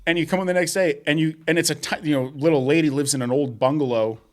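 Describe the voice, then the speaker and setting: A man's voice: on the high side, fast talker, a little mellow. A young man co-hosting a podcast, telling job stories in casual chat, swearing often and laughing as he goes. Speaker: podcast co-host.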